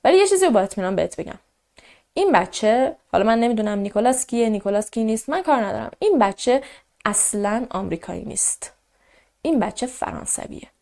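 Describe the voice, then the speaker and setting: A woman recounts a true crime case in an easy conversational tone. Her voice sits a little high. She jumps into the people's words with a lift in pitch. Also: gravelly. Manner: animated, quotes characters in a raised voice. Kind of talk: casual true crime narration.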